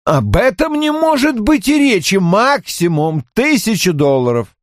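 A man's voice: on the high side, sing-song, measured pace, darkish tone, no room sound, clean studio sound, pitched above the performer's own voice. A man reading an audiobook, voicing a pushy, persuasive male businessman who keeps pressing his offer. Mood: firm. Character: pushy smooth-talking male businessman, insistent. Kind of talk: audiobook character voice.

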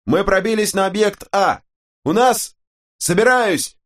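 A man voicing a squad commander shouting reports over a distant, breaking-up radio link. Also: high voice, measured pace, voice pushed up. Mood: urgent. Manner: urgent, clipped shouting. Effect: distant, breaking-up radio transmission. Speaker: audiobook narrator. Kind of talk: dramatic audiobook reading.

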